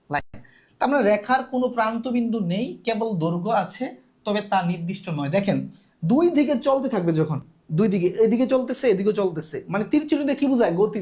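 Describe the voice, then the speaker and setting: A woman's voice: medium pitch, darkish tone. Patient woman teaching math. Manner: patient, repeats key terms, keeps checking understanding. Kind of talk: live online math lesson.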